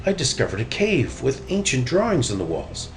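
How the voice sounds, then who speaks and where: A man voicing a boastful, excitable cartoon duck adventurer from a storybook, in an exclamatory way. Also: medium pitch, moderate pace, over music. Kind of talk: storybook character reading.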